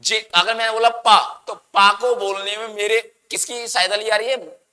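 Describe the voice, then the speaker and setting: A man's voice: sits high, steady tone, normal speed, sharp tone, in a large hall. A man teaching a grammar lesson, asking the class questions and answering them himself, and coaxing students to say sounds aloud.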